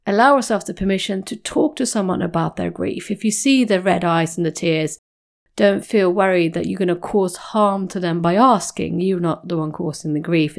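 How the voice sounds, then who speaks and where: A woman's voice: on the low side, gravelly. A woman hosting a podcast interview, speaking reflectively and thoughtfully. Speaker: podcast host.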